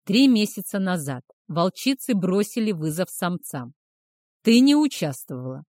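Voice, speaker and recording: Woman reader doing a male werewolf alpha, bossy and quick to shout. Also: lowish voice, big pitch swings, no room sound, clean studio sound. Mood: wary. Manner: barking orders, shouting. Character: male werewolf pack leader, commanding, short-tempered.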